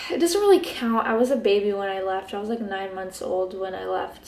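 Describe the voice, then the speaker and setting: A medium-pitched, darkish voice belongs to a sleepy Israeli beauty vlogger in her 20s whose native language is Hebrew. She chats in a relaxed get-ready-with-me style while doing makeup in her bedroom, full of ums and likes. A camera close on her desk picks up slight background noise and an echoey room.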